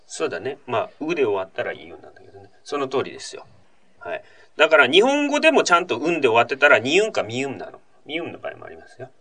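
In relaxed, casual radio-style talk, a male host answers a listener's letter with a freely rising and falling mid-range voice. He talks fast with a breathy edge, explaining at length in a chatty way with asides and tag questions, like a regular presenter handling mail.

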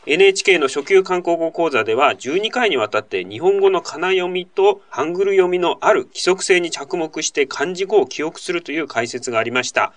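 Man with a lively, wide-ranging voice. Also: on the high side, brisk, hardly any pauses. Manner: chatty explainer, fond of tag questions and asides. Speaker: host. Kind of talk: casual radio-style talk answering a listener letter.

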